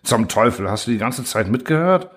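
A man voicing a furious, bossy male engineer who shouts and berates his staff. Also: mid-range voice, animated, normal speed, husky. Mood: fuming.

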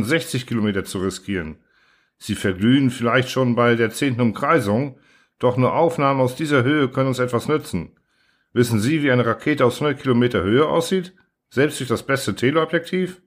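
A man voicing a gruff, irritable starship commander who is blunt and sarcastic, in an audiobook reading. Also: medium pitch. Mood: urging. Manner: blunt, sarcastic, flares into shouting.

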